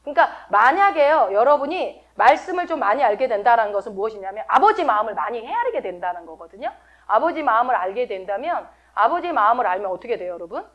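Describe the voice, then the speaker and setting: A woman's voice: fairly high pitch, sing-song, fast, fairly bright tone. A middle-aged woman pastor giving a sermon in a conversational way, often asking her listeners questions. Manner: conversational, asks the congregation many questions.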